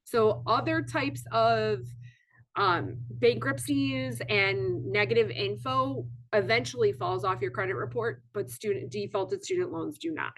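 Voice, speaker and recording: A woman presents an online webinar from her computer mic at a mid-range pitch. She talks haltingly, restarting her sentences and filling the gaps with frequent ums. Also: animated, fairly bright tone, poor audio.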